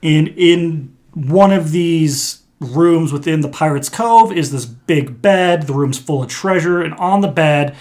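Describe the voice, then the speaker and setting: A young man chats on a podcast with a slightly high voice. He walks his friends through facts in a casual, explaining way. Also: slow, few pauses, a little mellow. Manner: explains things, reads facts aloud. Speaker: podcast co-host. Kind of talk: casual chat.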